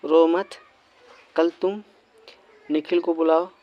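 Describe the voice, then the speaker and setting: A man voicing a poor village father in a doll cartoon, loud and earnest. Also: fairly high pitch, fairly even intonation, slow, dull audio. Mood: caring. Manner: loud, earnest, gentle to his daughter.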